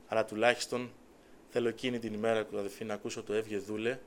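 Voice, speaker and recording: A man's voice: on the low side, little pitch movement, a little hiss or hum. A man giving a sermon testimony, telling his story earnestly with quoted dialogue. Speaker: preacher.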